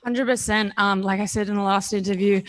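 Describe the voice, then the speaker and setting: A woman's voice: mid-range voice, steady tone, fairly quick. A woman in her twenties with an Australian accent, a professional fighter giving candid, confident, casual answers in a post-fight interview. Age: 20s.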